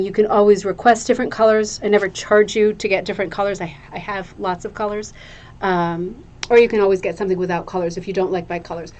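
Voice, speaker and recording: Speaking at a medium pitch with a darkish tone, a craft show host shows off viewers' hooked rugs, gushing and rambling in a chatty way and often repeating phrases for emphasis. There's slight background noise.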